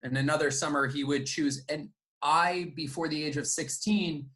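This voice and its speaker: A middle-aged man, born in the United States and raised in Japan, telling his life story in a reflective, measured way as an interview guest. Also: on the high side, fairly even intonation, fairly bright tone. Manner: reflective, measured, with fillers and restarts. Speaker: guest, company founder and CEO.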